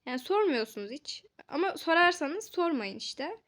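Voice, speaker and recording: A woman's voice: sits high, big pitch swings, normal speed, fairly bright tone. A woman making a casual role-play vlog with a toy game, chatty, giggly and playful.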